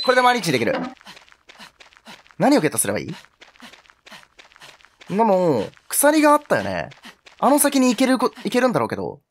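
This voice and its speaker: Jumpy, wildly animated male game commentator. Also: high voice, a little hiss or hum. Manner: jokey, yelps and exclaims at scares. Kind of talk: horror game let's play commentary.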